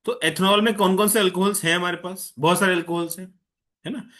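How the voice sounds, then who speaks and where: A man with a high, slightly bright voice and fairly even intonation teaches chemistry online, mixing Hindi with English. He checks often that students are following, and he patiently tells an eager student to slow down.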